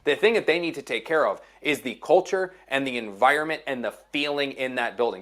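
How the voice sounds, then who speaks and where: A man working as an NFL insider in a casual sports chat, emphatic and repeating phrases to drive his points home. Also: medium pitch.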